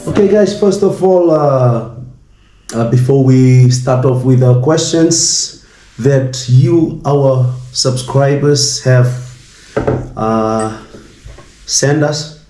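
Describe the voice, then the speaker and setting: A man with a Fijian accent chatting casually as a vlogger, speaking in a halting, hesitant way. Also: medium pitch, warm tone, faint music behind. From Fiji. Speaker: vlogger and street musician. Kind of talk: casual vlog chat. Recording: echoey room sound.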